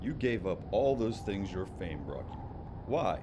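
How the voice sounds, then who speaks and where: An actor playing a jolly, wry old Santa in an audio drama, lecturing heartily. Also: male voice, deep voice, sing-song, unhurried, background noise. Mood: gently scolding.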